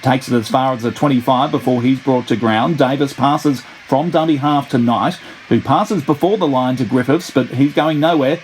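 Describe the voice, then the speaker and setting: A man's voice: mid-range voice, normal speed, slight background noise, poor audio. A man commentating on a rugby match play-by-play in the formal, descriptive style of an old-time radio sports announcer. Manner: formal, descriptive play-by-play that builds to excited calls.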